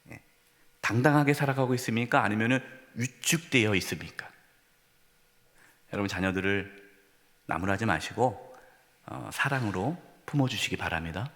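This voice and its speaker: A man's voice: mid-range voice, fairly bright tone. A man preaching a sermon as pastor to his congregation, speaking to them directly and with emphasis, in a church sanctuary. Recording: long reverb of a church hall.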